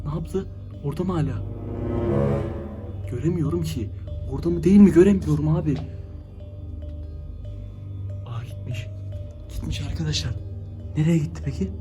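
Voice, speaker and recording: High-pitched excitable man vlogging fast. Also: music in the background. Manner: breathless and dramatic, often dropping to hushed whispers. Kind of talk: excited vlog narration.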